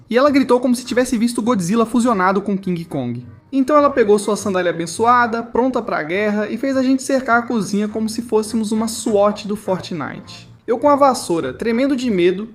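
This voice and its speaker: A man narrating funny family anecdotes with animated, exaggerated comic delivery. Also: high voice. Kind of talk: scripted comedic story narration.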